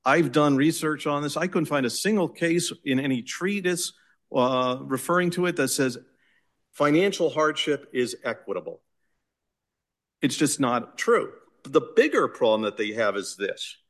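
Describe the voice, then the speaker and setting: A man's voice: on the high side, expressive. Boston-accented man arguing in court. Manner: measured, insistent legal argument. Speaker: attorney arguing an appeal. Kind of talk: courtroom oral argument.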